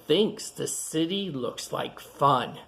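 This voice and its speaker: An animated storytime reader with a fairly high, rather bright voice and some vocal fry reads a picture book aloud to children. Along the way he halts to point out the pictures, commenting on them in simple, repetitive phrases.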